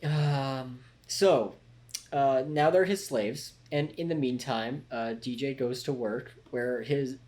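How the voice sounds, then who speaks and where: A man's voice: mid-range voice, slow pace, a little mellow. A young man co-hosting a casual podcast, recapping episodes in a laid-back way with dry quips. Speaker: podcast co-host. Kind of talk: casual chat.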